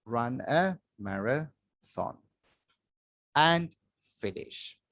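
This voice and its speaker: A man teaching English to children, reading a grammar worksheet aloud slowly with long pauses, recorded on a phone over a desk. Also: mid-range voice, lively intonation, gravelly, a bit bright, no room sound. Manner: slow, drawn-out reading with pauses. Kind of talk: slow worksheet walkthrough for children. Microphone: phone filming a worksheet from above.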